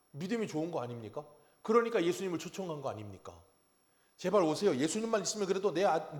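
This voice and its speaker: A man preaching a Sunday sermon as pastor, telling Bible stories with acted quotes and questions to the congregation. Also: mid-range voice. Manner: animated storytelling, acting out biblical quotes and asking the congregation questions. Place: church sanctuary.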